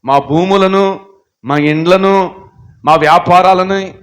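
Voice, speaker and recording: Male preacher, slow and kinda high voiced, goes from mumbling to yelling, repeats his questions over and over. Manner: swings from low murmurs to shouted high appeals; repetitive rhetorical questions. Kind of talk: sermon.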